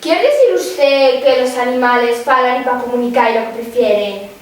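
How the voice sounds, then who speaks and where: A woman's voice: high-pitched, expressive, moderate pace, a little hiss or hum. Female field reporter, acted on stage, inquisitive and polite, Asturian accent, mock news, distant echoey hall. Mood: curious.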